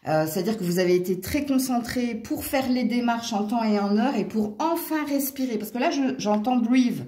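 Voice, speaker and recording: Sitting at home by a window, a woman with a Franche-Comté accent reads tarot and astrology for viewers in a fairly high, warm voice at a moderate pace. Her chatty delivery is full of little exclamations and "hein." A roomy echo colors the recording.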